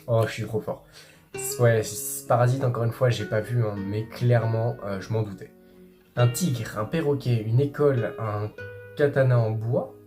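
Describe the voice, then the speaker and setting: A man's voice: medium pitch, warm tone. A man giving casual, chatty commentary while guessing a quiz, with many fillers and playful self-praise. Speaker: YouTuber playing a manga quiz.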